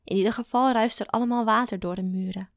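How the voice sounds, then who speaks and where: A woman narrating a first-person story in a calm, even storytelling manner. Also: fairly high pitch, quick pace, dry recording, clean studio sound. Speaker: audiobook narrator.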